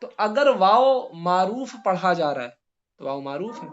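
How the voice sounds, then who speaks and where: A male grammar teacher giving a classroom lesson, spelling out letters slowly and putting questions to his students. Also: sits high, sing-song, highs cut off.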